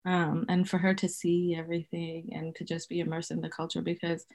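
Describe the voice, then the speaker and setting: Her lowish, creaky voice is brisk and flat with a darkish tone. A podcast guest in her thirties, she is a folk herbalist from Zimbabwe who was raised in Botswana, and she talks in a loose, rambling way during the casual interview, laughing and correcting herself often.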